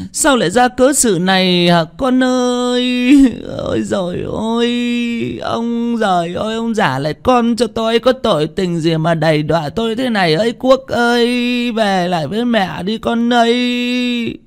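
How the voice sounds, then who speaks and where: A man's voice: sits high, a little mellow, pitched above the performer's own voice. A man voicing an older village woman who scolds sharply and wails over her son. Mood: wailing. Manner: sobbing, drawn-out wails. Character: wailing grief-stricken old village matriarch.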